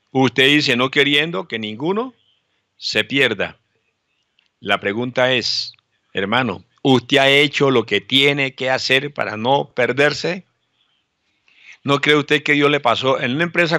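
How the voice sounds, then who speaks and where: A man's voice: mid-range voice, bright, forceful tone, no room sound, clean studio sound. A male pastor preaching a sermon emphatically, repeating phrases and asking rhetorical questions.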